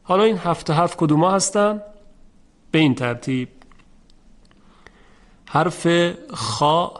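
A man teaching Quran recitation in a patient, methodical way, stretching out example sounds slowly and clearly. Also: fairly high pitch, animated. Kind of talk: instructional lesson.

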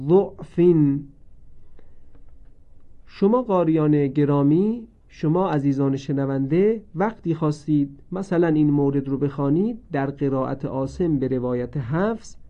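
A man teaching a recorded lesson on Quran reading, speaking slowly and deliberately and drawing out each word he recites. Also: a little high. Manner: slow, deliberate, repeats each word with drawn-out recited forms. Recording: dull lo-fi recording.

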